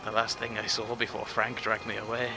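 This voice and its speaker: A man's voice: fairly low pitch, monotone, brisk, low-quality recording. A man commenting on a video game he plays, joking and swearing, and reading in-game notes aloud with dramatic storytelling. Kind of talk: let's play commentary. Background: game music.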